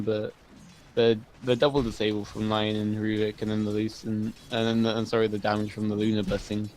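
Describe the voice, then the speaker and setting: A man's voice: medium pitch, a little mellow, slight background noise, poor audio. A man giving live analysis of a video game match in a chatty, analytical way. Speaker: esports caster.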